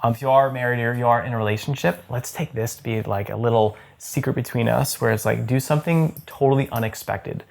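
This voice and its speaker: A man's voice: medium pitch, quick pace, creaky, few pauses. Upbeat rambling man in his thirties. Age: 30s. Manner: enthusiastic, rambling with frequent likes and restarts. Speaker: host. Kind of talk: casual chat to camera.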